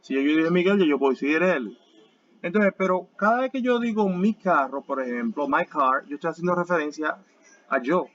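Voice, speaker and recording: A man teaching a class in a voice that sits somewhat high, with a dull, lo-fi sound. He explains each point step by step and goes over key words slowly and more than once. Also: lively intonation, a bit bright. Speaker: English teacher. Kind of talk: online class lecture.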